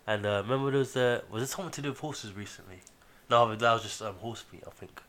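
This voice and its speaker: A man's voice: on the low side, quick pace, a bit bright. A man with a London roadman accent hosting a podcast in casual, slang-heavy chat, swearing freely. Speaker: podcast host.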